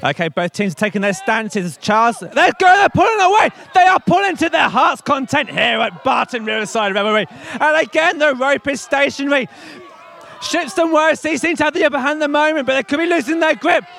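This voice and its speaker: A man giving excited, shouted play-by-play commentary on a tug of war at an outdoor village fair. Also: very high voice, a little fast, vocal fry. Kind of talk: live sports-style commentary.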